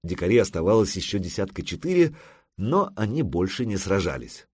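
A man reads a fantasy battle scene with a husky, slightly breathy low voice, close to the mic in a dry booth. His pitch swings widely as he leans into the action with punchy, expressive pacing. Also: fairly quick, no room sound. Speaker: audiobook narrator. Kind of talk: scripted fantasy narration.

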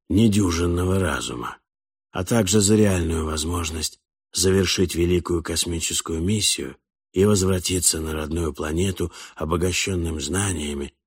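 A man voicing an eloquent alien elder who speaks in a hoarse, strange whisper with long, formal phrases. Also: a bass voice, no echo, clean studio sound, voice pushed down, full character voice. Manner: flowing, formal, endless phrasing. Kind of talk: audiobook character voice.

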